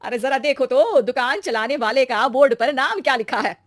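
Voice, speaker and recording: A woman voicing a calm, shrewd older mother in a cartoon story, speaking patiently and with a motherly tone. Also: sits high, normal speed, no room sound, studio quality, voice pushed up, close to an everyday voice.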